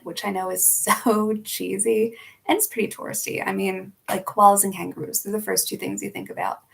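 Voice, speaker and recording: Her voice is fairly low and gravelly. This young Philadelphia woman, Philly accent and all, laughs a lot while casually answering questions from viewers during a live stream.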